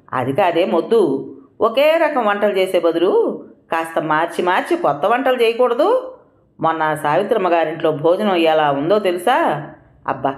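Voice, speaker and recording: A short-tempered husband who barks orders and grumbles about every little thing, as a woman narrator puts him on. His scolding swings up and down in pitch. The storybook reading has a roomy echo. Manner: irritable, scolding, demanding. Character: impatient grumbling husband, middle-aged man.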